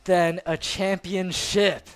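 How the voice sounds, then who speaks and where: Hoarse young male esports color caster. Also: high-pitched, flat delivery, fairly bright tone. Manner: hype bursts, then halting thank-yous. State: hoarse, losing his voice. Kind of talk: color commentary.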